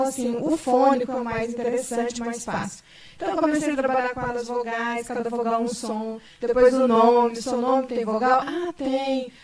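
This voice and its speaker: A woman's voice: on the high side, a little mellow. A woman special education teacher telling a story on a panel talk, with many fillers. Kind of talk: panel talk show answer. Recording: echoey room, far from mic.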